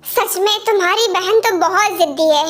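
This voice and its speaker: A woman dubbing a calm, patient young man in an amateur fan dub, reasoning and gently pleading. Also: very high-pitched, moderate pace, soft background music.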